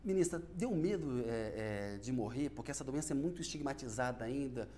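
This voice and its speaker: A man's voice: mid-range voice, expressive, brisk, mellow. A man from Belo Horizonte, Brazil, interviewing a guest on television, prompting her and finishing her sentences.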